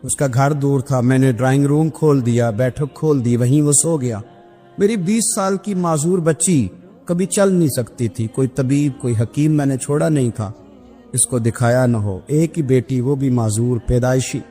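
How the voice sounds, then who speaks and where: A male preacher telling religious stories in a sermon, acting out the people in them with big swings of voice. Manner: animated storytelling, acting out quoted speakers with big pitch swings. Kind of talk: Islamic sermon storytelling. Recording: echoey hall with background music.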